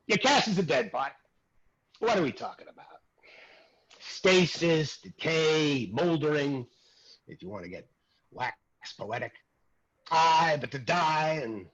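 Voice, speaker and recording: A man's voice: on the high side, husky, muffled recording, full character voice. A man playing a brash, crude acting teacher. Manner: crude, animated, swings between mutter and loud outbursts. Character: brash crude male acting teacher, former dead extra. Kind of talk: comic stage monologue.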